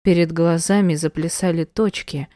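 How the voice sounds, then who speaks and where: A woman's voice: fairly low pitch, fairly even intonation, normal speed, mellow, no room sound, clean studio sound. Woman reading dramatic first-person narration. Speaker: audiobook narrator.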